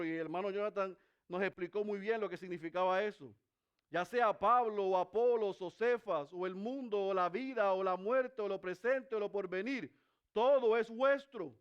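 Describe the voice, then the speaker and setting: High-voiced male preacher, dull recording. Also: clean tone. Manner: swings between raised emphatic questions and dropping very low and quiet; asks the congregation rhetorical questions. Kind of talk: expository sermon.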